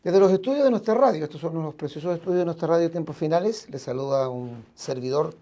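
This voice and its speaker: A Chilean-accented pastor speaks to his audience in a mellow, warm tone, his voice sitting a little high for a man. He talks earnestly and casually, often circling back to repeat or restart a word. He is speaking from a radio studio. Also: quick pace. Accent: Chilean Spanish. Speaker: evangelical pastor. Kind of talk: casual live broadcast talk to listeners.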